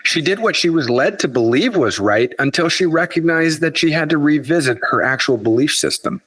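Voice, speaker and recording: A man hosting a podcast interview, halting and repeating words as he builds his questions. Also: fairly high pitch, animated, a bit bright, dry recording. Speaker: podcast host. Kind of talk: interview conversation.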